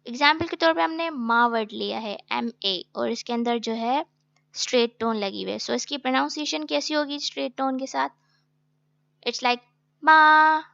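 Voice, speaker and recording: Woman teacher, high voice, gravelly edge, careful unhurried lesson, dull dry recording. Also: a bit bright, dry recording. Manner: slow, careful, mixing Hindi and English. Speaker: language teacher.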